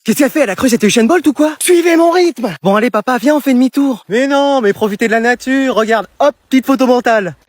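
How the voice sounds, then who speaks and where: Male sketch comic, very high and lively, dry close sound, over-the-top panic. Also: fast, few pauses, no echo. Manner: excitable, exaggerated outbursts. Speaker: sketch comedian. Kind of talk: comedy sketch acting.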